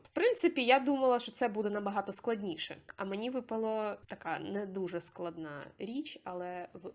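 A young woman talks through her artwork in a relaxed voice-over, recorded close to the mic. She is chatty and self-deprecating, and her voice jumps up in pitch every so often. Her pitch sits in the middle for a woman. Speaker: artist vlogger. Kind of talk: casual voice-over commentary on a drawing.

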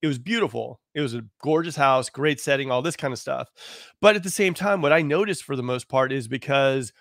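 A hoarse man, a real estate agent, talking casually on a live stream in a rambling way full of fillers. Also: mid-range voice, a little fast, a bit bright, dry recording, clean studio sound. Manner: rambling, full of "you know" and "like".

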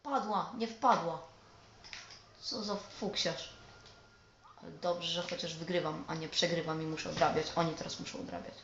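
A man commentating his own football video game match, excitable and swearing often at the game. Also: fairly high pitch, moderate pace, long pauses. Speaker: gamer. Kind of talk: let's play commentary. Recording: roomy, dull lo-fi recording with faint noise.

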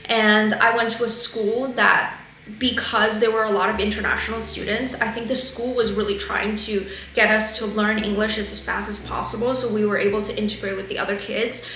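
This vlogger, a Chinese woman in her twenties speaking her native language, reflects candidly on her life to the camera, hands moving constantly. Her medium-pitched voice is sharp and fairly flat at a normal speed, recorded indoors in a reverberant room with some hiss or hum and poor quality overall.

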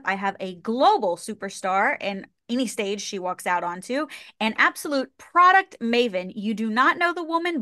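A woman's voice: medium pitch, pushed and bright, no echo, clean studio sound. A woman in her thirties hosting a podcast over a video call, upbeat and enthusiastic. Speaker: podcast host. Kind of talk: podcast interview. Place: small studio room.

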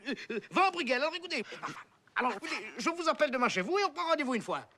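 A man's voice: extremely high pitch, very animated, quick pace, sharp tone, slight background noise, pitched above the performer's own voice, heavily acted. An actor playing a man who fakes a Belgian accent as a clumsy film producer on the phone, hesitant and overly formal. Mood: flustered. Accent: fake Belgian.

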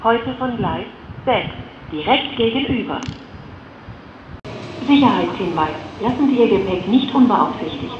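A woman gives a flat platform announcement at a slow, measured rate, segment by segment. Her automated station voice comes muffled through loudspeakers, with strong echo and loud station noise around it. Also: medium pitch. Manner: flat, formulaic delivery in short segments. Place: railway station, over loudspeakers. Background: noisy station ambience.

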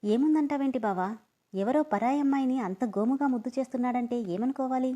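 A woman's voice: high-pitched, fairly quick, dark tone, highs cut off, pitched above the performer's own voice. A woman reading a story aloud, voicing a whiny young man who pleads and protests indignantly to his friend.

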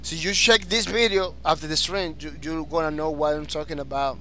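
Reading viewer comments on a live stream, a Dominican game streamer with a Spanish accent chats with energy, frequently restarting his phrases. His voice runs on the high side, a little fast, pushed and bright, with fairly even intonation and a little hiss or hum in the audio.

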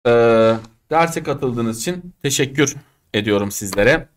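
A man's voice: medium pitch, slow pace. A man teaching an online English class, chatty and direct, acting out quoted speech and regional ways of talking. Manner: lively, chatty, direct, addresses students as friends; acts out quoted speech and regional Turkish dialects.

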